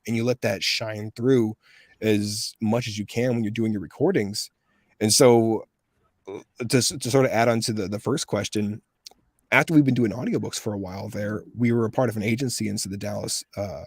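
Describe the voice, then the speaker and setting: A lowish male voice with no echo. The speaker, a US voice actor in his thirties, is a guest in an informal interview, animatedly recounting stories and performing the quoted voices himself.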